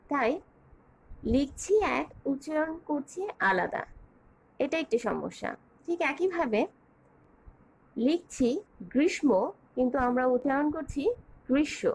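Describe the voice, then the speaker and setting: High-pitched woman teaching a lesson. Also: low-quality recording. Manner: measured, clear, enumerating points and spelling out examples. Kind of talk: online grammar lesson.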